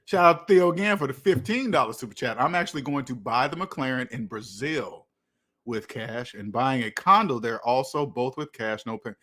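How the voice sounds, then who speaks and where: An American man hosts a casual livestream, answering viewer comments in a rambling way and repeating phrases for emphasis. He has a medium-pitched, sharp-toned voice with lively intonation at a normal speed.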